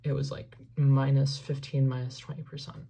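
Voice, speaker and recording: This is a casual, rambling tutorial from a woman musician about producing her vocals, heavy on "like" and "um," with her apologizing for not making sense in a self-deprecating way. Her very deep voice is creaky, dark and slightly rough, holding a level tone at a moderate pace.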